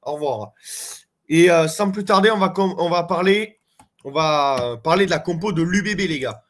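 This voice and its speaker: A man's voice: a little high, normal speed, fairly bright tone. A man from the Landes giving casual rugby fan commentary to his viewers, chatty and full of hesitations. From Landes, France. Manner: chatty, hesitant, many fillers, addresses viewers as "les gars".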